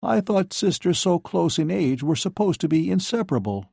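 Brief: male reader playing a lecherous, worn-out professor in his forties, smooth and coaxing, raised a little in pitch. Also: very animated, moderate pace, a little mellow, dry recording, clean studio sound, full character voice. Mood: casual prying. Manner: ingratiating, wheedling. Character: weary, lecherous middle-aged male professor, persistent.

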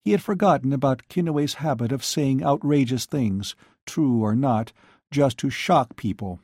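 A man narrating a novel in a measured, even reading. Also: medium pitch, breathy edge, no room sound, studio quality. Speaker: audiobook narrator.

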